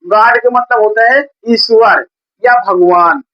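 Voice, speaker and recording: A man's voice: high-pitched, unhurried. A man teaching a beginners' reading lesson at a board in a coaching classroom, speaking patiently and repeating the same checking words often. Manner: patient, repeats "theek hai" and "bhaiya" often. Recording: dull lo-fi recording.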